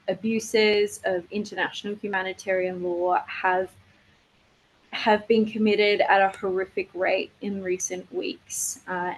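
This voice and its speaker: A woman speaking as a campaigner, giving an earnest, measured and informal presentation on an online call. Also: mid-range voice, poor audio. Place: online video webinar. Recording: noticeable faint background noise, online call.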